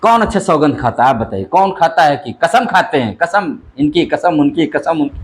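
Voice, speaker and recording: A man teaching a literature class, reciting verse slowly and then explaining it in lively rising tones. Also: fairly high pitch. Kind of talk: Hindi literature lesson explaining a poem.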